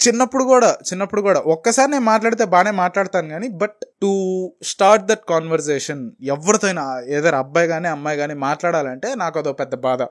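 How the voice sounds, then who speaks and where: A man's voice: high-pitched, fairly quick. A young man in his twenties with a Telugu accent, telling a candid personal story as a vlogger and slipping English phrases into his talk. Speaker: motivational vlogger.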